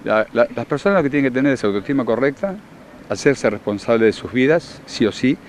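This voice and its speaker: Un hombre con acento argentino que da talleres y explica con tono seguro, didáctico y enfático. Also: male voice, mid-range voice, animated, brisk, a little hiss or hum. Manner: confident, instructive, emphatic. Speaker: workshop leader and therapist. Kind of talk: explanatory interview answers.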